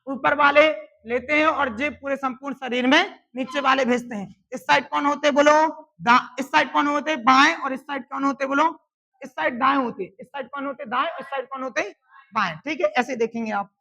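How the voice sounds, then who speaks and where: A woman with a lofty, sharp-edged voice leads a classroom lesson. She prompts the students again and again to answer aloud. When a key answer comes, she stretches it out and says it louder. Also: sits high, steady tone. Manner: drills students with call-and-response questions; repeats answers slowly and loudly for emphasis. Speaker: teacher.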